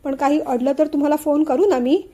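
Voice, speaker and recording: A woman's voice: high-pitched, brisk, dark tone, close to an everyday voice. A woman voicing a frightened young daughter-in-law who speaks hesitantly and close to tears. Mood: anxious. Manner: tearful and hesitant.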